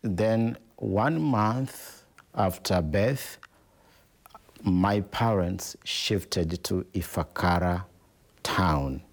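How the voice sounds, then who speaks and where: Man, middle-aged, from Tanzania, bishop, very deep voice, unhurried, deliberate answers. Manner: slow, deliberate, repeats phrases like "in actual fact". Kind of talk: interview answers.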